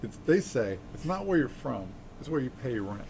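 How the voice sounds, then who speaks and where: A man's voice: medium pitch, big pitch swings, normal speed, gravelly, a little mellow, a little hiss or hum. A man co-hosting a sports talk show, chatty and teasing, full of fillers. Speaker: sports radio co-host.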